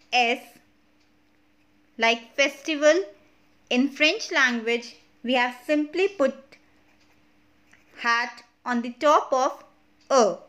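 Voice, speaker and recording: A woman with an Indian English accent gives an online lesson in a high voice. She speaks slowly and walks through each point step by step, checking in with her viewers as she goes. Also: fairly bright tone. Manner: slow, explains step by step, checks with "okay?". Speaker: French teacher.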